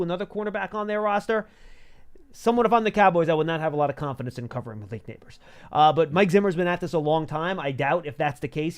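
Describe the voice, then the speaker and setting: A male sports show host talks through football analysis conversationally. His voice sits a little higher than average for a man, with an ordinary, unforced tone.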